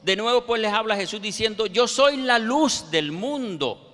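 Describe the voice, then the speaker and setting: A man preaching a sermon, quoting scripture verses with slow, emphatic pauses. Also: high voice, a bit bright. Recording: reverberant hall.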